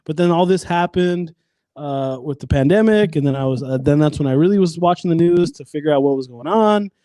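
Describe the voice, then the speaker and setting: A man's voice: fairly high pitch, a little fast, dark tone, no echo. A man in his twenties, a podcast guest in casual chat, rambling with many restarts and swearing freely. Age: 20s.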